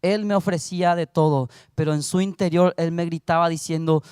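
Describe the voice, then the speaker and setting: A young man preaching a sermon, telling a story and then rising into loud exhortation. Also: a little high, fairly even intonation, fairly quick, clear, resonant tone, dry recording, clean studio sound.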